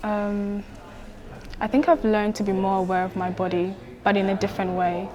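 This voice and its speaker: A young woman dancer speaks in a documentary interview in a steady voice with little rise and fall. She explains things carefully, and a crowd can be heard clearly behind her. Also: medium pitch, moderate pace.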